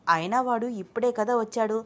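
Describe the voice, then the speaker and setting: Woman doing a teasing young girl in an audio love story, bright and excited. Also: fairly high pitch, a little fast, natural voice.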